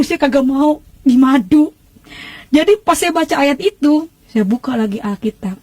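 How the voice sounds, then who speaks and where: A woman giving a personal faith testimony, retelling her story in an emotional, animated, colloquial way. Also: high-pitched, slightly rough, no room sound.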